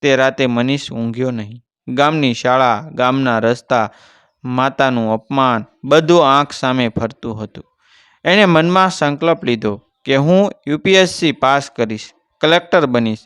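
Male storyteller, measured narration, resonant tone, dry recording. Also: mid-range voice, fairly bright tone, smooth, dry recording.

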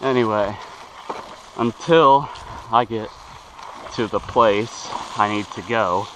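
A man's voice: fairly low pitch, slow pace, a bit bright, slight background noise, low-quality recording. A young man talking casually to the camera as he rides a bike outdoors, rambling and stumbling over his words, recorded on a handlebar camera. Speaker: vlogger. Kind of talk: casual vlog talk while riding. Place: outdoors riding a bike through a wooded yard. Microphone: handlebar-mounted action camera.

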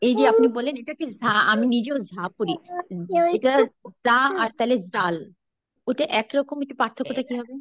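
A woman's voice: a little high, normal speed, no echo, muffled recording. A woman student asking her teacher a question during an online class over a video call. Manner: asks questions.

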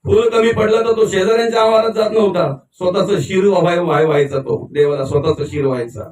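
Preacher guy, high voice, kinda far from the mic, echoey, storytelling sermon that bursts into shouts. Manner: storytelling, acting out quoted voices, shouting at peaks. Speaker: kirtan preacher. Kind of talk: devotional sermon. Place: memorial gathering. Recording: echoey, from a distance.

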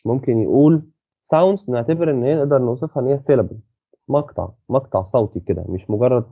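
A man with an Egyptian Arabic accent explains course material to a single student. He reads slowly, then speeds up to explain, often stalling on a word before going on. The sound is thin and phone-like, with no room echo at all. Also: mid-range voice. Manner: many hesitant restarts, checks understanding. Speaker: university lecturer. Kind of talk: lecture explaining a textbook, mixing Arabic and English. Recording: dry, phone-like audio.

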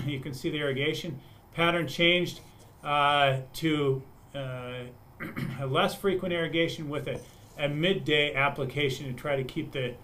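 A man's voice: on the high side, fairly even intonation, unhurried, pushed and bright. A man on a webinar panel explaining soil moisture data, talking through it with frequent restarts and repeated words. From United States.

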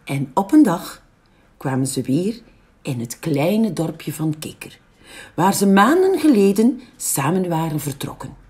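A woman with a Flemish accent reading a picture book aloud for young children. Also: lowish voice. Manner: slow, very lively storytelling. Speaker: library storyteller.

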